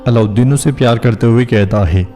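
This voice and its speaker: A man recounts a drama episode scene by scene in a steady storytelling voice. His tone is mellow and dark, with soft music playing faintly beneath. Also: medium pitch. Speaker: narrator.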